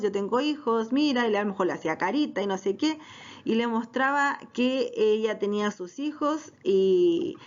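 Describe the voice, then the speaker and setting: Hesitant woman teaching a Bible class. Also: fairly high pitch. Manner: hesitant, many fillers, asks "right?". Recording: dull lo-fi recording.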